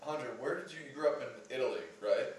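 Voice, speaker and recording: A man's voice: mid-range voice, quick pace, a crowd in the background. A man co-hosting a casual podcast, easygoing and agreeable, with short remarks. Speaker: podcast co-host. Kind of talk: casual chat. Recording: roomy echo, a bit far from the mic.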